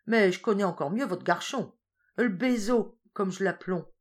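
A woman performs an anxious, stubborn old peasant woman in a spoken storybook. She talks in broad rustic country dialect. Her voice rises high and loud whenever she is alarmed. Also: moderate pace, husky, lightly acted. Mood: chatty.

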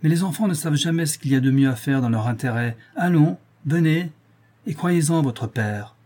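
A man's voice: fairly high pitch, normal speed, a little mellow, close to an everyday voice. A man reading the part of a stern, pompous old nobleman ordering his daughter home, coaxing and commanding by turns.

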